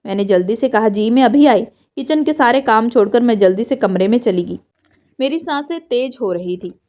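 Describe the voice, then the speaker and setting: A woman narrating a first-person emotional story in a soft, earnest, subdued way. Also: on the high side, animated, moderate pace.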